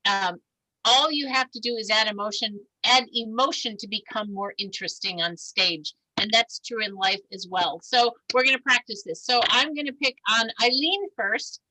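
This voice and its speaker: Woman, improv facilitator, video call, bright tone, fairly high voice, upbeat and encouraging. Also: normal speed, low-quality recording. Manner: upbeat and encouraging, laughs often. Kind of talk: leading a group exercise.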